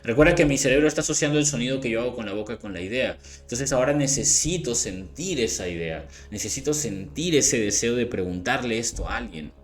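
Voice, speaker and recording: A man teaching a language lesson in a relaxed explanatory way, often checking in with the listener and slowing down to model phrases. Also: mid-range voice. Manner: conversational, frequent rhetorical "¿no?" and "¿vale?" checks; slowed careful demonstrations of phrases. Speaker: English teacher. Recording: faint background music.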